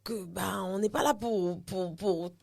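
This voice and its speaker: A woman's voice: medium pitch, measured pace, gravelly, no echo. A woman from Cameroon, an actress and TV host, telling her story in a casual interview and slipping English phrases into her talk. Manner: animated storytelling, often slips into English phrases.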